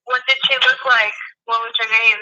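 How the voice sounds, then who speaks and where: A woman on the phone in casual chat, asking short probing questions and giving quick advice. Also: fairly high pitch, flat delivery, sharp tone. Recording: dull phone-line sound.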